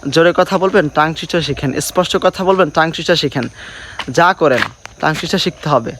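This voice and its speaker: A man's voice: fairly high pitch, a little fast, a bit bright. A man with a Bengali accent teaching English in a casual lesson, repeating practice phrases over and over. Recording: faint insect noise behind.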